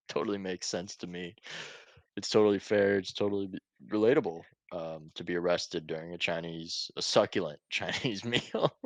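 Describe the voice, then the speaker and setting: Young man, very low voice, dry sound, casual podcast chat, laughs a lot. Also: fairly even intonation, moderate pace, no room sound. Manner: laughs often, swears casually. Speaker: podcast host.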